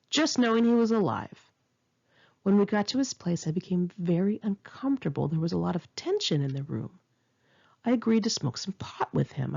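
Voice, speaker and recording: A woman reads her own first-person memoir aloud like an audiobook, telling it dramatically with sarcasm and indignation. Her voice is lowish, creaky, dark and husky, and the recording sounds muffled.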